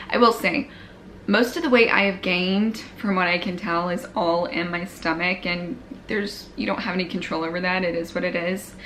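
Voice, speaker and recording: A woman's voice: medium pitch, a bit bright, a little hiss or hum. A young woman casually recapping her pregnancy on a vlog, slightly out of breath, with lots of "like" and fillers. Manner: chatty, filler-heavy, frequent "like". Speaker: vlogger.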